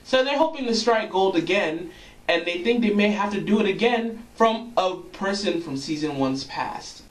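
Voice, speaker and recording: A man's voice: high-pitched, expressive, normal speed. A young man hosting his own vlog, giving casual, joking, opinionated commentary on singing auditions. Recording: echoey room, mic at a distance.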